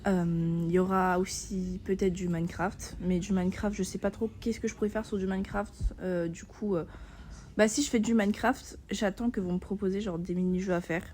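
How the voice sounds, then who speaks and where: A young woman talks to her audience in a loose, chatty vlog style. She rambles and fills gaps with fillers as she lays out her plans. Her voice sits at an ordinary middle pitch. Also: fairly even intonation, a little fast, darkish tone, slight background noise. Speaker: beginner gaming YouTuber. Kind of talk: casual vlog chat.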